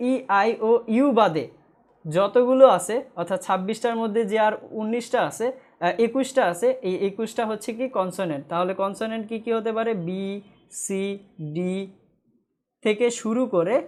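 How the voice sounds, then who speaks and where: A woman teaching an English grammar lecture who asks questions and answers them herself, repeating key points slowly. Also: on the high side, darkish tone. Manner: firm with viewers about pointless comments.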